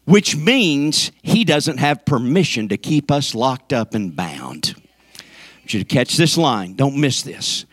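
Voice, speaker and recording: Male preacher, folksy humor, emphatic peaks, middle pitch, dry close sound. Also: sing-song, unhurried, no echo. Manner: folksy, joking with the congregation, rising to emphatic peaks. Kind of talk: sermon. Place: church sanctuary.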